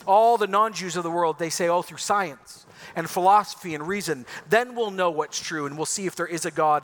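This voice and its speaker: A man's voice: sits high, fairly bright tone. A man who grew up in Ecuador, preaching an Easter sermon in an emphatic, rhetorical way. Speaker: pastor.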